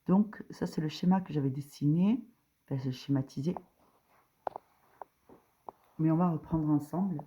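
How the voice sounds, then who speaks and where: Deep and dark, the woman's voice moves at a moderate pace with long pauses and a faint hiss or hum. As a religious teacher, she explains a diagram informally, step by step, hesitant and filler-heavy, with rising stress on key ideas.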